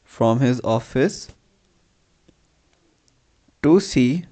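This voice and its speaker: A man giving an English dictation as a teacher, reading deliberately phrase by phrase and repeating phrases. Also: medium pitch, animated, warm tone.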